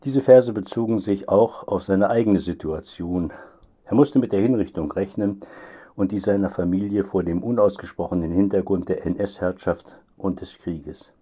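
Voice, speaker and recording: A man reading a recorded phone devotion in a calm, measured sermon style. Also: low-pitched, breathy edge. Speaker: pastor giving a phone devotion. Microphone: phone line recording.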